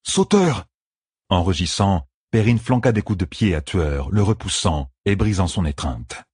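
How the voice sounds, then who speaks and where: This is scripted fantasy narration, voiced by a man whose tone is husky and very deep. As an audiobook narrator, he reads at an even, measured pace. No room sound comes through, and the audio stays close and dry.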